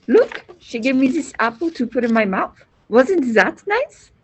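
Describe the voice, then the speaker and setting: A woman's voice: high-pitched, sing-song, measured pace, husky, exaggerated voice. A woman playing a matter-of-fact, innocent little girl in a comic school stage play, with a dry delivery.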